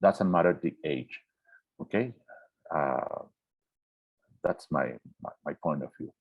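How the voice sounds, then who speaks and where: Man, deep voice, surgeon, careful explaining, many fillers, dull dry video-call sound. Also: gravelly, no echo. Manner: careful, explains slowly with frequent fillers and checks of okay. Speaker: orthopedic surgeon answering questions. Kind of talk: answering questions in a webinar. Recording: muffled, dry online call audio.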